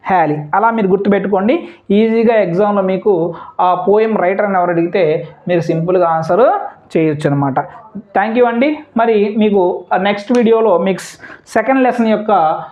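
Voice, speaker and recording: A woman's voice: medium pitch, moderate pace. A woman teacher runs an exam-prep lesson, repeating questions and answers and mixing English words into her explanations. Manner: repetitive question-and-answer drilling. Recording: dull lo-fi audio.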